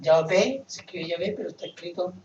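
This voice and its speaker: A man's voice: high voice, fairly quick, far from the mic, dull audio, slight background noise. Preaching man in an echoey hall. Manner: preaching with sudden loud emphasis and rhetorical questions. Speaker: pastor. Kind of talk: sermon.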